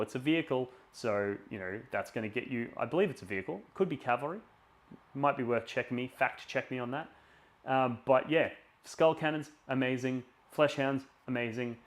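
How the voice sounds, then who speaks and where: A man hosting a live stream in an informal, opinionated way, thinking aloud as he chats to viewers. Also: mid-range voice. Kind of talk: casual live stream chat, explaining tabletop game tactics and running a giveaway.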